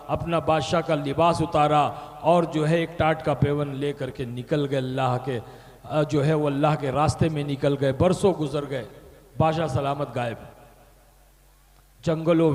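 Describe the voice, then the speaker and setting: A man preaching a sermon as a story, animated, repeating phrases for emphasis. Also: on the high side. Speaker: Islamic preacher. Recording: hall reverb.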